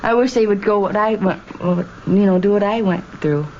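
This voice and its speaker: A young woman, a former student, speaking haltingly with many fillers. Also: medium pitch, a little mellow. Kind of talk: candid personal recollection. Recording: dull lo-fi documentary audio with faint room noise.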